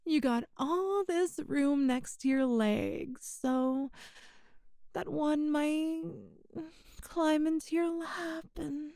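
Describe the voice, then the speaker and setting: Close and dry, a woman with a mellow, high voice plays a possessive boss in an intimate ASMR roleplay, coyly flirting with the employee she adores. She speaks slowly and teasingly, drawing out her words with breathy pauses in a seductive mood. The recording is dry and she fully commits to the character voice.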